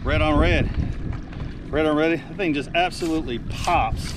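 Here a middle-aged man, a fishing guide running his own vlog, pitches products at a normal pace while fishing on a lake from a boat. Filmed on an action camera, he's casual, eager and filler-heavy, with background noise around him.

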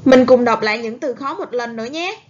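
A woman with a slightly high voice and a Southern Vietnamese accent, a primary school teacher giving a recorded reading lesson. She speaks slowly and carefully, over-articulating in a classroom manner, and the recording is dull and lo-fi.

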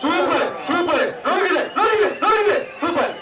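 A man announcing a live outdoor event over a loudspeaker public address, mixing excited cheering with formal honorific announcements. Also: very high voice, brisk, noisy background. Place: outdoor arena with crowd. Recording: echoey loudspeaker heard from far off in a crowd.

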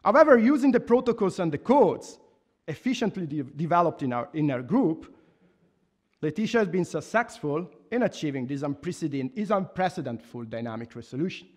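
With a fairly high, sing-song voice and an Italian accent, a man in his thirties from Italy earnestly delivers a formal laudation as a professor in a university hall. He reads from notes at a lectern with a microphone on a stand, measured in pace, restarting at times and pausing for emphasis.

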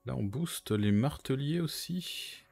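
A man's voice: medium pitch, expressive, slow pace, vocal fry, a little mellow, breathy edge. A man giving casual co-op strategy game commentary, muttering through menus as he thinks aloud. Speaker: gaming streamer.

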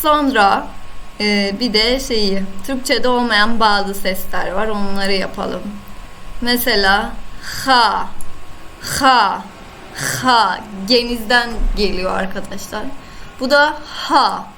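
A woman with a Turkish accent teaching Arabic letters in an online lesson, patiently repeating each sound slowly. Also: mid-range voice, fairly bright tone, a little hiss or hum, poor audio. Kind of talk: online lesson, screen-share.

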